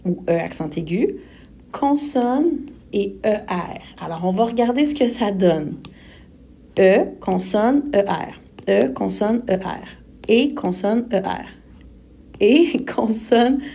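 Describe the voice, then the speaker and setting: A woman's voice: mid-range voice, creaky, warm tone, a little hiss or hum. A woman with a Québécois accent teaching a recorded grammar lesson, patiently spelling out letters and verb endings step by step. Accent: Québécois French. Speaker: French teacher.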